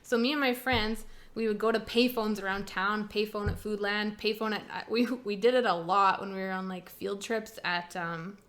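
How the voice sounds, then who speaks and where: A young woman from Canada co-hosting a podcast, telling animated stories in casual chat, swearing freely and laughing often. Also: mid-range voice, moderate pace. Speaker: podcast co-host.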